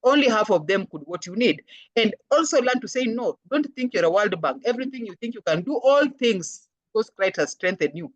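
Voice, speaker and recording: A woman with a Kenyan accent giving a lively counseling talk, acting out little voices when she quotes people. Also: fairly high pitch, brisk, no room sound, highs cut off. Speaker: guest speaker, counselor. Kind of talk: lecture-style talk.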